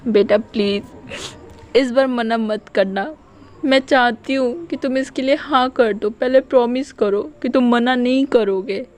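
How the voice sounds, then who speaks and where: A woman's voice: fairly high pitch, measured pace, lightly acted. A woman voicing a stubborn mother who pushes her son into marriage, speaking bossily and emphatically. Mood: bossy. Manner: bossy, emphatic.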